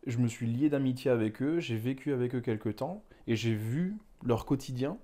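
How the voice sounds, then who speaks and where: A man's voice: medium pitch, moderate pace, warm tone. A young man from Ghana, a manga author, talking candidly and reflectively in an interview, rambling with frequent filler asides. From Ghana, West Africa.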